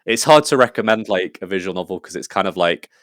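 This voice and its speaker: A man's voice: sits low, animated, fast, fairly bright tone, no echo, clean studio sound. An English man talking as a podcast guest in a casual, rambling and enthusiastic way, full of fillers and restarts. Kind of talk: casual conversational interview.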